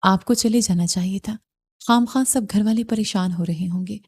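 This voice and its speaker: In an audio novel, a woman plays a stubborn, wounded young wife who fires back sharp, reproachful retorts. Her mid-range voice stays close to how she'd speak every day.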